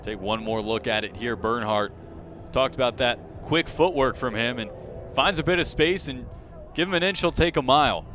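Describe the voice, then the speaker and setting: A male sports commentator calls live play-by-play in a medium-pitched voice, tracking the action closely and building intensity as it develops, with excitement spiking sharply on big plays. Faint outdoor ambience sits behind him, along with a little hiss or hum.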